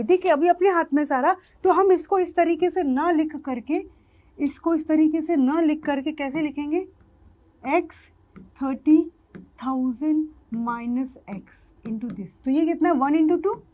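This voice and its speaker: High-pitched woman, patient maths tutor who keeps asking the class questions. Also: darkish tone. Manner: explains step by step, asks the class questions. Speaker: maths teacher. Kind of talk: online maths lesson.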